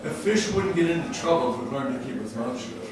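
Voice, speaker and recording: A man's voice: a little high, lively intonation, fast talker, a crowd in the background. An older man giving an earnest, patriotic public comment at a city council meeting. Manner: earnest, patriotic, tells jokes. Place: council chamber. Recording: very echoey room, distant mic, faint noise.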